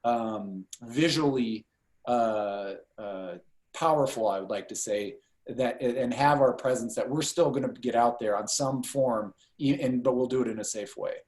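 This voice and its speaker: Halting man on an echoey call. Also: mid-range voice, a little mellow. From Iowa. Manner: halting, many fillers and restarts. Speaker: congressional candidate. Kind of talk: answering questions on a video call.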